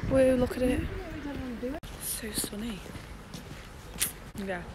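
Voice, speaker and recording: A woman's voice: on the high side, slow, heavy background noise. A young woman talking casually to camera in a rambling, self-deprecating vlog about her day. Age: young adult. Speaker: vlogger. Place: at home, then outdoors.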